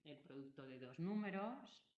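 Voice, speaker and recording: A woman's voice: low-pitched, expressive, normal speed. A woman teaching a math class, explaining patiently step by step and checking that students follow. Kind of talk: classroom lesson. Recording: roomy, dull lo-fi recording.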